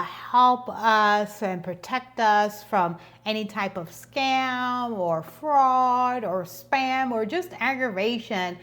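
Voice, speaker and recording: Speaking in a mid-range voice with a fairly bright tone, a fifty-something woman hosts a casual explainer vlog. She runs a business as well as the channel, and she chats along, frequently repeating words.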